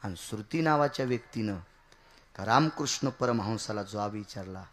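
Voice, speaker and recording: Preaching a kirtan sermon with real expression, the man speaks at a normal pace, dropping from loud shouts to soft murmurs and repeating important words. A slight hiss or hum can be heard.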